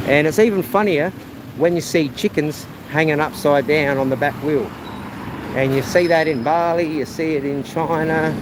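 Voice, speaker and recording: Walking along a busy rural roadside, a man live-streams and chats loosely to his viewers, calling them "guys" as he rambles on. His voice is loud, projecting and fairly high-pitched. Heavy traffic and motorbike noise roar behind him throughout the outdoor stream.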